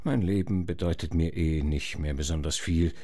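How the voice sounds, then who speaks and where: A man playing a cocky, slow-witted Oedipus in a comic rhymed performance. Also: sits low, fairly even intonation, dark tone, no room sound, clean studio sound, pitched below the performer's own voice. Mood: gloomy.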